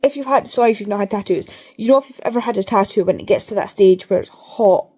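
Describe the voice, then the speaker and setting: A woman's voice: mid-range voice, fast talker, darkish tone. A woman vlogger chatting casually, talking with her mouth barely open and rambling, repeating herself for emphasis. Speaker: reading vlogger. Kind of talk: casual chat to camera.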